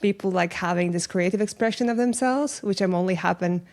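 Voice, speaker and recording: A woman's voice: on the low side, fairly quick, a little mellow. A young woman from Latvia with a Latvian accent, speaking English as a second language, earnestly telling her founder story as a podcast guest. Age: young adult. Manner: earnest, thoughtful, non-native phrasing. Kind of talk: casual interview storytelling.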